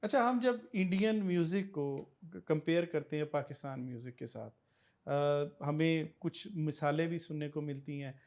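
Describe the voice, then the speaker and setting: A male podcast host from Pakistan, asking formal, measured questions in a polished register. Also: on the high side, a little mellow. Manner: formal, measured questions with Urdu literary words. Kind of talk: interview questions.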